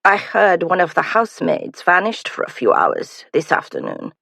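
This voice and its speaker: A woman's voice: on the low side, huge pitch swings, moderate pace, creaky, fairly bright tone, no echo, studio quality, heavily acted. A woman voicing a grinning, needling man newly arrived in England, teasing and wry, in an audiobook.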